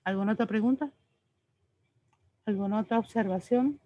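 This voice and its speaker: A woman's voice: mid-range voice, normal speed, dark tone. A woman teacher explaining spelling and pronunciation rules to her class, patient and explanatory, often checking in with "ok?". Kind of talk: online class lecture. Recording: slightly dull lo-fi audio.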